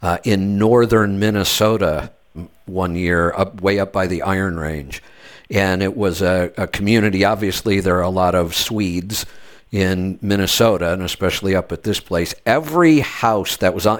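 A man with a somewhat low voice hosts a casual conversation. He tells long stories in an easygoing way, often restarting his sentences. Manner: laid-back storytelling with frequent restarts. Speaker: host. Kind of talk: casual podcast chat.

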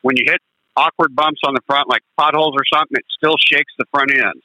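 A man's voice: medium pitch, steady tone, pushed and bright, dry recording. Hesitant man on a crackly phone. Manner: hesitant, halting, many fillers. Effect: crackly phone line cutting in and out. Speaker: caller. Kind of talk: call-in radio question.

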